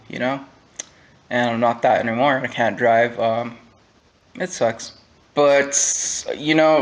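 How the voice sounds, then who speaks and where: Young man, vlog monologue, halting and candid, mid-pitched voice, pauses and fillers. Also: fairly bright tone. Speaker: vlogger. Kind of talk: personal monologue to camera.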